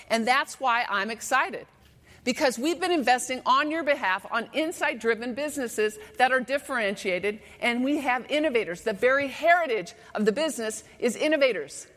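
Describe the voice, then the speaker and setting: A woman executive giving an emphatic, deliberate keynote speech to members in a large meeting hall. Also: on the high side, fairly bright tone. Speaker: company president addressing members. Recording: reverberant hall from the stage.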